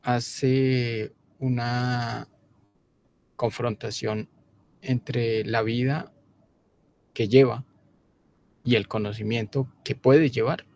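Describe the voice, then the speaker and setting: A man giving a slow, measured lecture, pausing often and using fillers as he explains. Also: medium pitch, steady tone, gravelly, darkish tone.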